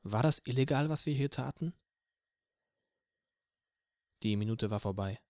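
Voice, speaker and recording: A man narrating a novel in the first person as an audiobook, in a steady storytelling manner. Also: mid-range voice, unhurried, no echo. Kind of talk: scripted narration.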